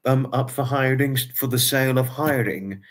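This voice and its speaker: A man's voice: mid-range voice, normal speed. Chatty young man hosting a livestream. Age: 20s. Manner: chatty, repeats himself, quaintly formal phrasing. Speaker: livestream host. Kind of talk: casual livestream chat with viewers.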